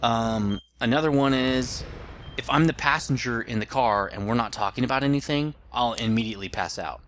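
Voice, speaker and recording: A man's voice: mid-range voice, normal speed, a bit bright, slight background noise. A man in his late thirties giving casual gameplay commentary, rambling and thinking aloud as he plays. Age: late 30s. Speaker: gaming video host.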